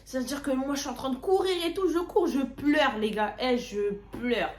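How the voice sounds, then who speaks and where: A young woman vlogger casually telling a story, slangy and lively, often repeating words. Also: high voice, moderate pace. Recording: roomy echo.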